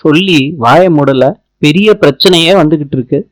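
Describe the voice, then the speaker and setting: A man's voice: fairly high pitch, normal speed, dry recording, natural voice. A man reading the lines of a chatty female house helper who speaks in a teasing way.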